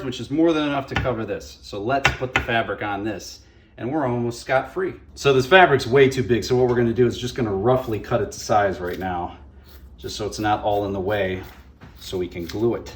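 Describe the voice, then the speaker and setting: Here the morning radio host talks a little fast in a fairly low voice, taking viewers through his DIY project with homespun, dry humor. A clear music bed sits behind him, and there's a slight hiss or hum.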